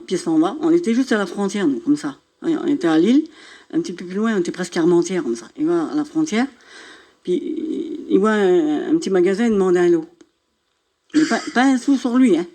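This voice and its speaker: An older woman from northern France gives a spoken religious testimony at church, acting out the dialogue as an animated storyteller. Her voice is lowish, and she speaks at a moderate pace.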